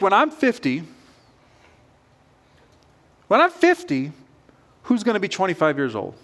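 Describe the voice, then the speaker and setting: A pastor in his forties, with a high and slightly bright voice, delivers a sermon. He tells it as an informal, conversational story, questioning himself along the way.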